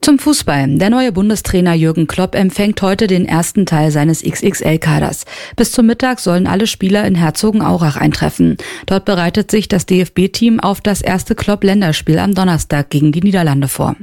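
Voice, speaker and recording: A woman reading the radio news in an even, formal manner. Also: fairly low pitch, normal speed, gravelly, hardly any pauses, dry recording, clean studio sound. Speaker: newsreader. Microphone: studio mic.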